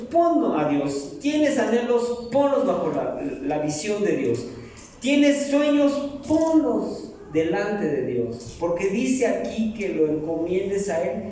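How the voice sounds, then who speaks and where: A man's voice: high voice, dark tone, distant mic, slight background noise. A middle-aged man preaching a sermon in a church, joking and asking the congregation questions. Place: church hall. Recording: echoey hall, mic from afar.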